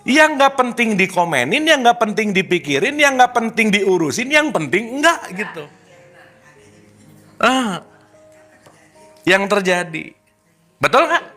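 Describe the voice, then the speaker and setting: A man giving an informal spiritual talk to a group, lively and teasing, full of rhetorical questions. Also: sits high, a little slow, pauses often, soft background music. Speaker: spiritual teacher.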